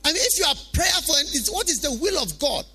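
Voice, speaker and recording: A man's voice: very high-pitched, sing-song, fast talker, pushed and bright, soft background music. A man with a Ghanaian accent preaching a sermon in an emphatic, repetitive way, full of rhetorical questions.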